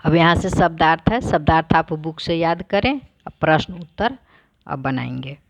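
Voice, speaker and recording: A woman teacher who reads each word aloud, then explains it plainly, in a slow, deliberate lesson. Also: low-pitched, gravelly.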